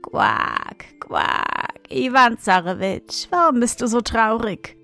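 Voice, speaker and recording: A gentle frog bride from a storybook croaks deep and low, then settles into soft, unhurried comfort, as a woman puts her on. Her words come slowly and soothingly over faint music. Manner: croaks low before calm reassurance.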